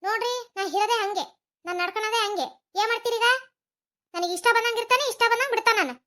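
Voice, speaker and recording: Girji, a shrill defiant village wife, voiced by a woman. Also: pushed and bright. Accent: North Karnataka Kannada. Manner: scolding, quick retorts. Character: young village wife, sharp-tongued and defiant. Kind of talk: cartoon comedy voice acting.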